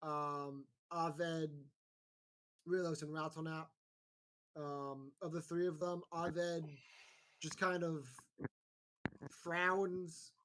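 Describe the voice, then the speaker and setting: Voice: medium pitch, flat delivery, very slow, long pauses, a bit bright. A game master narrating a tabletop game in a casual, rambling way full of fillers.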